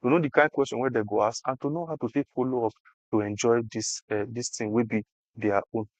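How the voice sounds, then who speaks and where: A man's voice: medium pitch, steady tone, fast, no echo, highs cut off. Emphatic Nigerian man speaking Pidgin. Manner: emphatic, repeats phrases for effect. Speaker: interview guest explaining health insurance. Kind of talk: animated conversational explanation in Nigerian Pidgin.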